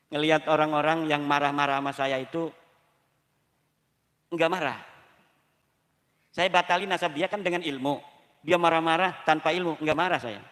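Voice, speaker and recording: A man from Banten preaches with a fairly high voice, tossing question after question to the crowd. His sermon rings through a hall with a long reverb tail. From Banten, Indonesia. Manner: lively, fires rhetorical questions at the audience. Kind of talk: sermon to a gathering. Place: Islamic boarding school gathering.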